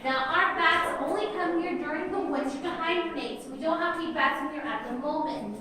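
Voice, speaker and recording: Female cave guide, high voice, addressing a tour group; heavy cave echo, picked up from a distance. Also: fairly quick, a crowd in the background. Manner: explanatory, addressing visitors directly. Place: inside a cavern. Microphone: distant microphone of a visitor's recorder. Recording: echoing cave, voice far from mic.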